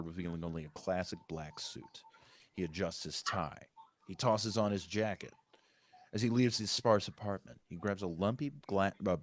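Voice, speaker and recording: A low-pitched man reads the stage directions as scripted narration during a live table read, correcting himself now and then.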